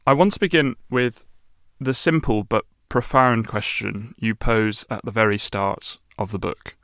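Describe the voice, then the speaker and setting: A man hosting a podcast interview, measured and formal in his questions. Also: lowish voice, steady tone, a bit bright, dry recording, clean studio sound. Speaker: podcast host. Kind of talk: scripted intro then interview questions.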